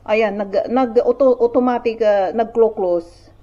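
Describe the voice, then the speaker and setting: A woman's voice: fairly high pitch, a little slow. Rambling older woman in a roomy kitchen. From Philippines. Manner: rambling, many fillers and repeated "sabi ko". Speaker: vlogger. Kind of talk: casual storytelling chat to viewers. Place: home kitchen. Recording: roomy, dull home recording.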